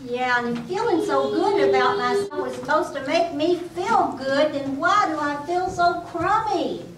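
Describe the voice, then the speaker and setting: A woman's voice: high voice, expressive, unhurried, a little hiss or hum. A woman playing a young country cousin in an amateur church play. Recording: roomy hall, mic far off.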